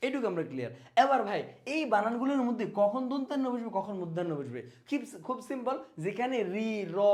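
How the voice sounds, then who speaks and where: A man teaching an exam spelling lesson, speaking to students as friends and repeating words so they stick. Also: sits high. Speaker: exam prep tutor.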